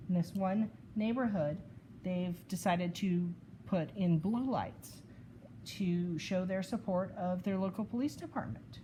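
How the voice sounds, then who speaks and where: A woman with a fairly low voice talks in a measured, questioning way in casual podcast discussion. Background noise is clearly audible throughout her recording. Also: dark tone, rough recording. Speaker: podcast co-host. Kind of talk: casual discussion, sharing articles.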